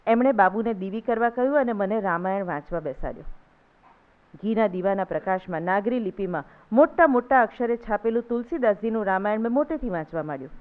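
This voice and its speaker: A woman reciting a literary essay in a steady, measured reading voice at a literary event. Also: mid-range voice. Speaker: essay reader. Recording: thin phone-like sound.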